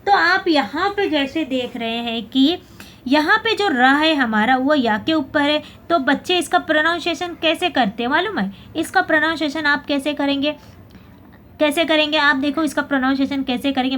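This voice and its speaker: A woman teaching Hindi who explains pronunciation patiently, repeating words slowly and turning letters into little characters. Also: high-pitched, a bit bright. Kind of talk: classroom lesson explaining pronunciation.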